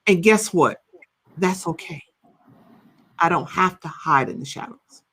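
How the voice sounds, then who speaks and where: A woman's voice: lowish voice, measured pace, slightly rough. A woman in her fifties, a counselor and coach, talking animatedly in a podcast interview and often checking in with "right?". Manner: animated storytelling, rhetorical "right?".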